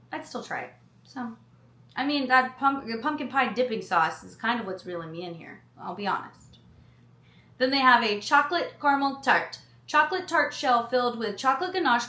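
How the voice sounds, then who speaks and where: A woman's voice: on the high side, pushed and bright, reverberant. A woman food vlogger reading menu items aloud and adding chatty personal asides. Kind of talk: casual chat reading a menu.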